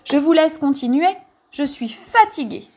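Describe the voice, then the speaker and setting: A woman's voice: high-pitched, lively intonation, unhurried, darkish tone, voice pushed up. A woman voicing an old, tired and dreamy wolf painter in a children's story.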